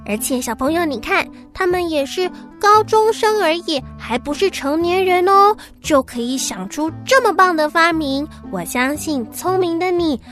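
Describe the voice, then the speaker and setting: A woman presents a children's radio programme, speaking in an animated way as if reading to a toddler. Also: very high voice, normal speed, few pauses, faint music behind.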